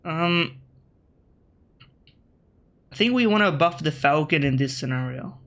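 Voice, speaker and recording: This gaming video creator is an Australian man whose accent has been shaped by British media, casually narrating his gameplay. His slightly high voice is bright and forceful, with lively intonation and a somewhat slow pace. He thinks out loud, corrects himself mid-sentence and aims dry remarks at his opponents.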